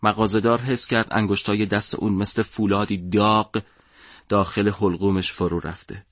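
A man narrating a story for an audiobook in a measured, dramatic way. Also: fairly low pitch, little pitch movement, fairly bright tone, dry recording, clean studio sound.

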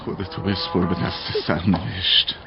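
An actor dubbing a young servant man who calms his tearful sweetheart with quiet resignation. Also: low-pitched, creaky, music in the background. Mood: resigned. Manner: soothing, resigned. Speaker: dub actor. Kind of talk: dubbed period drama. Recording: dull audio with steady hiss.

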